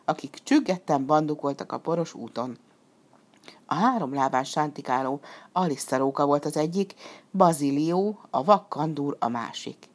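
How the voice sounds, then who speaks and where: A woman narrating a storybook in a lively, expressive reading voice. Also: low-pitched.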